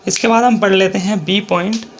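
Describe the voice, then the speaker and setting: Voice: medium pitch, fairly even intonation, a little fast, a little hiss or hum. A shorthand teacher with an Indian accent explaining a lesson step by step, repeating each example and spelling words out letter by letter.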